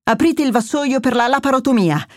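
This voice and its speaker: A woman's voice: high-pitched, expressive, a little fast, no echo, studio quality, voice pushed up. A woman reading the lines of a female trauma surgeon who gives curt, decisive orders. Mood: urgent. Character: commanding female trauma surgeon under pressure.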